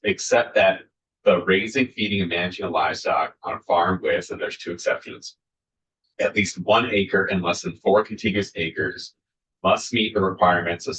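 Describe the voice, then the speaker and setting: Deep-voiced man walking a committee through a bill. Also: a bit bright, low-quality recording. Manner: careful, halting, many fillers. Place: state senate committee room.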